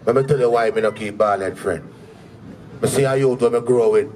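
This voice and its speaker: A man's voice: mid-range voice, brisk, a little mellow. A man with a Jamaican accent doing stand-up comedy, telling stories in patois and acting out the people in them. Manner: patois storytelling, acting out quoted characters. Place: live comedy venue with an audience. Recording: distant mic, faint crowd and room noise.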